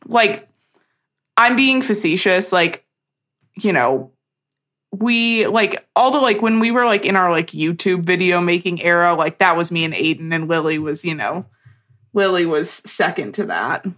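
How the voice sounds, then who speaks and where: A woman's voice: on the low side, expressive, measured pace, a bit bright. A young woman co-hosting a podcast, telling stories in casual chat with lots of "like". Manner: chatty storyteller, heavy use of "like". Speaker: podcast co-host.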